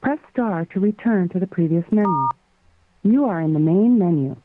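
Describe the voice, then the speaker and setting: A woman's recorded voicemail voice reads menu options in a steady, scripted way. She is heard over a landline phone line, thin and narrow in tone, with a close, dry sound and no room around it. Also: fairly low pitch, dry recording. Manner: even, measured, scripted phrasing. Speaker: automated voicemail prompt.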